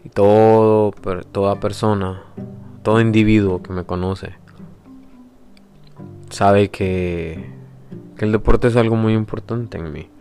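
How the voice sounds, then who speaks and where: Faint guitar plays under this personal introduction from a podcast host, a man in his 20s from El Salvador. His voice is fairly low and dark with fairly even intonation, and he comes across as thoughtful and unsure, often stopping and starting over.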